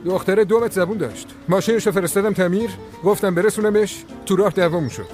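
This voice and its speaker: An actor voicing a self-assured, calm young man in a dubbed TV drama. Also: high voice, faint music behind, close to an everyday voice. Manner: cool, measured and a little condescending.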